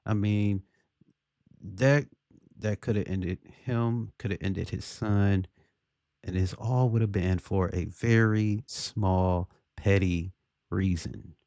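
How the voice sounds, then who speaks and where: A man giving casual opinion commentary on a video, deliberately, often checking for agreement with rhetorical questions. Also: low voice, fairly even intonation, a little mellow, dry recording, clean studio sound.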